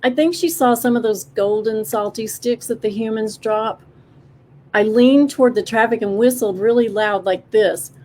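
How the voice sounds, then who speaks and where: A woman's voice: a little high, normal speed, a little mellow, a little hiss or hum, lightly acted. A guilt-ridden woodchuck, as a woman reads him tells his tale in a gloomy, downcast way. His voice sits slightly above the narration. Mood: guilty. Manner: gloomy, muttering. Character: guilty, downtrodden male woodchuck. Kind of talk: storybook character voice.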